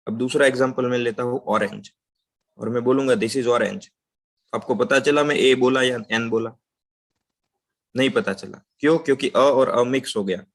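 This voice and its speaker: A man teaching an English grammar lesson, explaining patiently, checking in with "right?" and saying example sentences slowly. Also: medium pitch.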